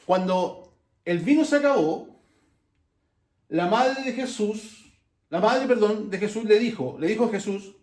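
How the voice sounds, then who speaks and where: A Chilean man preaching in a relaxed, storytelling way, with plenty of jokes and asides. His voice sits high for a man. The sound rings around a reverberant room. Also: unhurried, pauses often. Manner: storytelling with humor, many restarts and asides. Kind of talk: conversational sermon.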